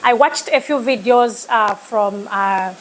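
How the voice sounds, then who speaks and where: A woman from eastern Uganda with a Ugandan accent, a talk show guest who speaks earnestly and deliberately, like giving a speech. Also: a little high, a little hiss or hum, rough recording.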